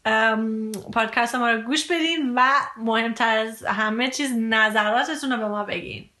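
A woman hosts a casual podcast in a fairly high, bright voice. She talks in a chatty way and leads the exchange, often prompting her partner. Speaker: podcast host. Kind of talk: casual co-hosted podcast chat.

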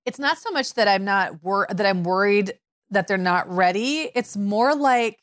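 A middle-aged woman co-hosts a parenting podcast, telling stories in casual conversational chat full of fillers and restarts. Her medium-pitched voice is animated and a little slow. The recording is dry, with clean studio sound.

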